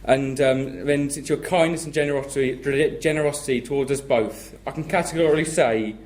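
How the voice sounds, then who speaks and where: A young man from England, speaking as the groom at his wedding reception, joking and then thanking family warmly. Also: mid-range voice, brisk. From southern England. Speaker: groom giving a wedding speech. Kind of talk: wedding speech to guests. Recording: loud crowd and noise at a reception. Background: laughing guests.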